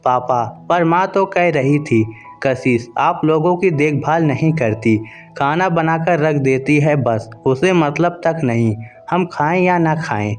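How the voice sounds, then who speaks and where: A man's voice: a little high, unhurried, soft background music, lightly acted. A man voicing an angry young husband. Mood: hurt. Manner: shouting, accusing. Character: angry young husband accusing his wife.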